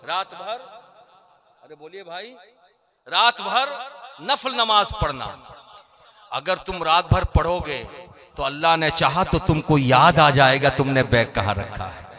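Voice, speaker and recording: A man's voice: fairly high pitch, slow, long pauses, sharp tone. A man preaching a storytelling sermon, urging the crowd to respond. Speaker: preacher at a religious gathering.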